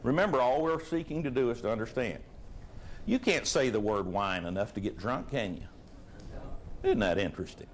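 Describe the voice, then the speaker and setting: A man preaches a sermon to a live congregation in a loud, folksy, animated style full of rhetorical questions. His voice is medium in pitch at a moderate pace, with a little hiss or hum.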